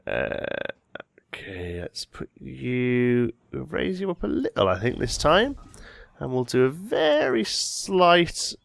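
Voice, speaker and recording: A man with a slight head cold hosts a let's play, thinking aloud as he builds and often correcting himself mid-sentence. His mid-range voice swings widely in pitch, moves slowly and has a creaky edge. The recording is dry.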